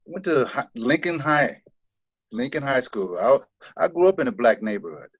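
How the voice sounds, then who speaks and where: A middle-aged man, born in Korea and raised in the US Midwest, is the guest in a casual interview, answering questions easygoingly and laughing often. His mid-range voice is expressive and moderately paced, with no room sound, though the recording is dull and muffled.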